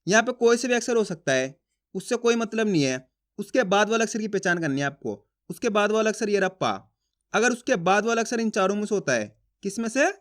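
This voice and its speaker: A man teaching a reading lesson, asking himself questions and answering them, sounding out syllables slowly. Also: high-pitched, expressive, fairly bright tone. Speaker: Hindi teacher.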